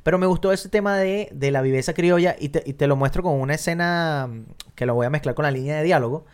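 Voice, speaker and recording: A man in casual film talk, animated and acting out lines from scenes. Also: a little high, quick pace, smooth. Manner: animated, acts out movie lines.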